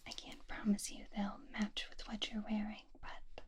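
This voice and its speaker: A woman whispering as gentle, doting Belle. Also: mid-range voice, completely flat delivery, close to an everyday voice. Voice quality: breathy whisper. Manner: slow, tender, reassuring personal attention. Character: gentle, doting young woman grooming a beast. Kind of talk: ASMR roleplay, soft-spoken whisper.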